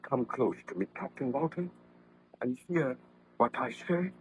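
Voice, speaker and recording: An actor playing a weak, guilt-ridden baron-scientist in formal, declamatory old-time radio drama style. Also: male voice, medium pitch, lively intonation, unhurried, natural voice. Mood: dying, bitter. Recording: noisy vintage radio drama recording.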